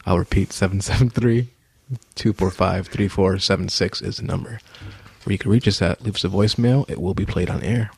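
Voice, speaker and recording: A man's voice: low voice, vocal fry, a little mellow, slightly rough, no room sound. Laid-back podcast host guy. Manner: laid-back, laughs often, quick asides. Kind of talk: casual chat.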